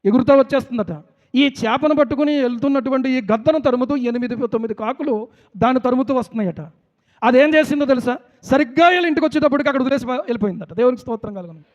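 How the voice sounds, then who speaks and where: A man's voice: very high-pitched, fast. A man preaching a sermon, emphatic and repetitive, asking the listeners rhetorical questions. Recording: dull lo-fi sound with long hall reverb.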